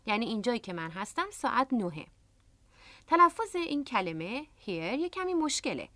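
A woman who teaches English hosts a radio language lesson in a somewhat high, animated voice. She goes through each word patiently, step by step. The audio is close and dry from a studio microphone, with no echo.

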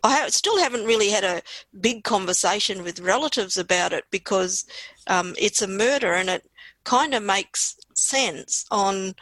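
A woman's voice: mid-range voice, animated, normal speed, fairly bright tone, no echo, rough recording. A woman from Western Australia with an Australian accent, a poet talking reflectively in conversation as an interview guest.

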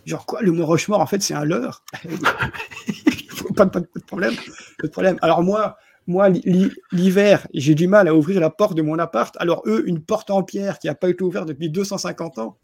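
A man's voice: high voice, moderate pace, creaky, darkish tone, breathy edge, dry recording, studio quality. A man chatting casually about films on a podcast, stumbling and repeating his words as he goes. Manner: stumbling, repeats words often, chuckles while talking. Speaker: podcast co-host reviewing films. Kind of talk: casual film review chat.

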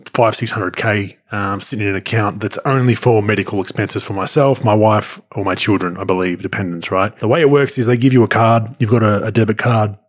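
Relaxed, lower-voiced male host. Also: fairly quick, few pauses. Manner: relaxed explaining, laughs easily. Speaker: podcast host, former basketball player. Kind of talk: casual podcast chat.

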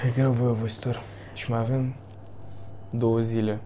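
A man's voice: mid-range voice, level tone, dark tone. A man chatting casually, laughing often and swearing freely. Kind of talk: casual chat.

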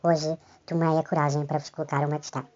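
A man's voice: a little high, flat delivery, fast talker, a little mellow. A male listener whose recorded message is distorted by a voice changer to stay anonymous, asking a polite, hesitant question. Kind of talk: short recorded question to a podcast. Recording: dull lo-fi voice message.

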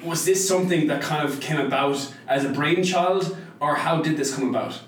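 A man's voice: fairly high pitch, normal speed, distant mic, slight background noise. A man hosting a casual interview and putting questions to his guests. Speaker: interview host. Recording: echoey, off-mic, clear crowd behind.

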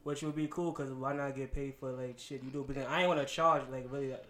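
Fast-talking New York man, Queens accent. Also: medium pitch, fairly even intonation, fairly bright tone, slight background noise. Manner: slangy, rambling, frequent "like". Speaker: guest, music blogger and promoter. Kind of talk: casual chat.

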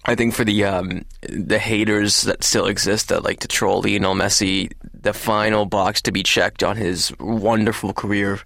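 A man's voice: lowish voice, little pitch movement, moderate pace, creaky, few pauses, fairly bright tone, no room sound, studio quality. A man hosting a casual sports podcast, blunt and steering the discussion. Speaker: podcast host.

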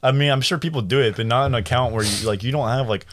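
A man's voice: medium pitch, quick pace, fairly bright tone. A young American man chatting casually as a podcast guest, with a sweary frat-bro manner full of slang. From Florida, United States. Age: young adult.

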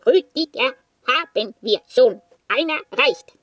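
A woman's voice: high voice, lively intonation, takes it slowly, very noisy. A woman voicing a bored, muddled talking machine in a storybook, speaking in clipped, literal-minded phrases. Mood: fussy. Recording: loud clicks and phone noises.

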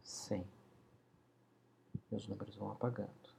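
A man slowly guiding a hypnosis session, counting down in a soothing voice that often sinks to a whisper. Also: fairly low pitch, level tone, creaky, warm tone, slight background noise. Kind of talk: guided hypnosis induction.

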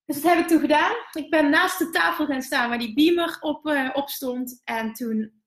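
A Dutch woman in her thirties, a business coach hosting a live stream, who tells candid, animated stories and swears now and then. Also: sits high, moderate pace, roomy sound. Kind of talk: live stream storytelling to viewers.

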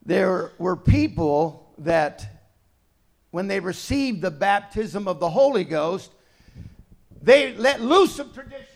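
Speaking slowly yet animatedly in a high voice, this middle-aged pastor gives a conversational sermon. He drops to quiet asides, then rises to forceful, loud points.

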